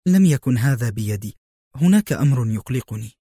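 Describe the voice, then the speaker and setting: A man voicing an anxious woman intelligence officer, speaking tensely and quietly. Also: medium pitch, animated, brisk, husky, no echo, studio quality. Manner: tense, subdued.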